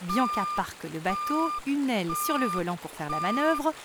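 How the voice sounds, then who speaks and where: Lively woman telling a children's story. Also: a little high, moderate pace, very noisy. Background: background music.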